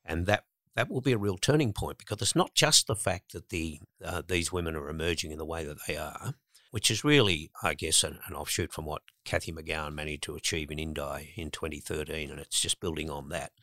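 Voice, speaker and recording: Deep-voiced man, emphatic commentary. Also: a little fast, a bit bright, no room sound, studio quality. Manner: emphatic, rising to indignant stresses, some repeated words. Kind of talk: conversational political commentary.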